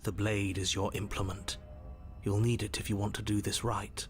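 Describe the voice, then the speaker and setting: A grave storybook narrator played by a man for a dark fairy-tale game. The voice is low, measured and ominous, with music behind it. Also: little pitch movement, close to an everyday voice.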